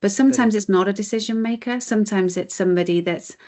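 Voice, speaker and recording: Now her mid-range, darkish voice comes quickly as the British chief executive of a mindfulness charity earnestly explains her points. She's the guest in a conversational interview.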